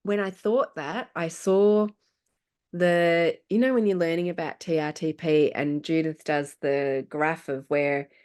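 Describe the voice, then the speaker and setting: A middle-aged woman, a podcast guest, tells a personal story in a relaxed conversational way. Her voice sits on the low side. She talks with animation and breaks into laughter easily. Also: measured pace, clean tone.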